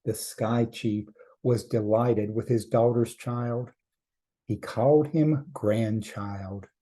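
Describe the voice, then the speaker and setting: A storyteller tells a traditional trickster tale in short, measured phrases with deliberate pauses. His voice is mid-range and mellow, with fairly even intonation.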